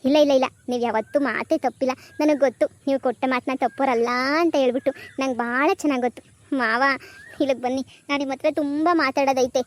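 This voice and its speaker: A woman doing a sharp-tongued young village wife. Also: high-pitched, fairly even intonation, quick pace, lightly acted. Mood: pleading. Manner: pleading sweetly to her father-in-law, then scolding with contempt. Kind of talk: cartoon comedy voice acting.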